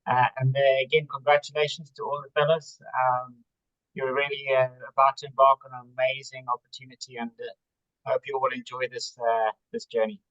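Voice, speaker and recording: A man on the faculty greeting new fellows on a video call, quick with fillers. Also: mid-range voice, flat delivery, a bit bright, no echo. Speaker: program faculty. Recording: muffled video-call audio.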